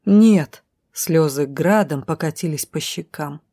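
A woman narrating a first-person audiobook with an expressive, dramatic reading. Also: mid-range voice, normal speed, no echo, clean studio sound.

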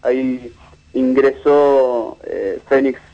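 A man, a media researcher giving a measured, analytical interview with frequent restarts. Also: medium pitch, dull audio.

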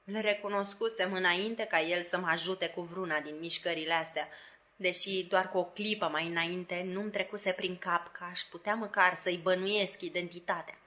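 A woman narrating a classic novel as an audiobook in a measured, even storytelling manner. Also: fairly low pitch. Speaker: audiobook reader.

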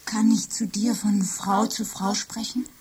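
A lovesick, jealous office computer. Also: female voice, mid-range voice, little pitch movement, unhurried, husky. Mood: obsessive, tender. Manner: soft, intimate, often whispering. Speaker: computer character. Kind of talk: radio drama acting.

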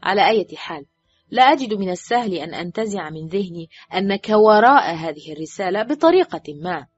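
A woman's voice: medium pitch, animated, fairly quick, slightly rough, no echo. A woman reading a dry, irritated surgeon. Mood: sardonic. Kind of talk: audiobook character voice. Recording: dull, dry recording with faint music.

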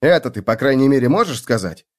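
A man's voice: mid-range voice, very animated, fast talker, close to an everyday voice. A man voicing an earnest young male adventurer who presses and explains. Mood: urgent. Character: urgent young male human companion.

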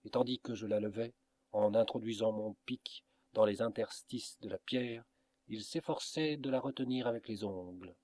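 Low-voiced male audiobook reader. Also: darkish tone, no echo. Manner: measured, dramatic reading. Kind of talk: scripted storybook narration.

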